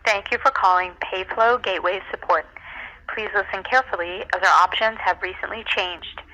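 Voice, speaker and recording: A woman's recorded phone menu message, played back over a call, reading out formal options in a measured, scripted way. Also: medium pitch, sharp tone, poor audio.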